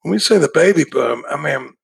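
A man, telling his story as an interview guest in a relaxed, folksy way with a gravelly, husky voice. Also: on the high side, brisk, rough recording. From Dallas, Texas. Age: 60s. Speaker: guest in recovery. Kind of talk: conversational storytelling.

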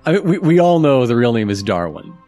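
A man's voice: medium pitch, very animated, a little fast, mellow, faint music behind. A man joking casually as a player in an improvised tabletop role-playing game.

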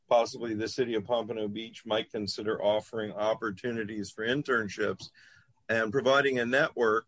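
Dry-sounding, low-leaning male interviewer. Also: fairly bright tone, no echo, poor audio. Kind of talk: prepared interview questions.

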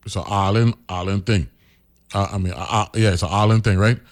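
A middle-aged man with a Virgin Islands accent, a radio host from the islands, spins a story in casual commentary, frequently tacking "right?" onto his sentences. His voice sits on the low side and stays steady, with a brisk delivery.

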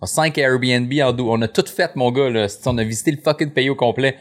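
A man's voice: medium pitch, quick pace. A man in his thirties with a Quebec French accent, a podcast guest talking casually, laid-back and swearing often. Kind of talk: casual chat.

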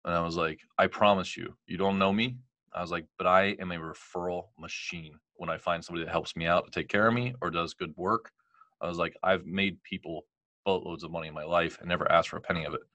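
A man telling a personal story in a casual chat, animated, quoting people and using lots of fillers. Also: low voice, fast talker, no echo. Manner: animated, quotes others, many fillers like "like" and "you know". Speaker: guest telling his story.

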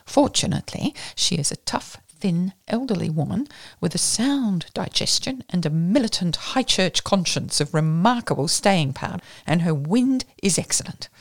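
An Australian woman voicing a flippant upper-class English gentleman detective, talking in a breezy, rapid, self-mocking way. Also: fairly low pitch, animated, no echo. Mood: brisk.

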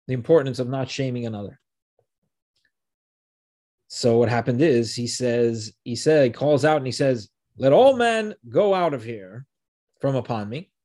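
In a dark, medium-pitched voice, a man slowly reads Torah verses and then translates and explains them, frequently asking rhetorical questions.

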